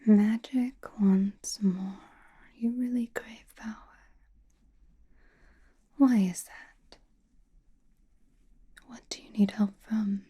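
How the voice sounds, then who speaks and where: A woman plays an enigmatic chaos-magic sorceress in an ASMR roleplay, whispering in a very dark, soft voice at a mid-range pitch. She speaks slowly and deliberately, breathy and cryptic, as though confiding in a single listener, with fairly even intonation and an exaggerated style. Her mood is probing and firm.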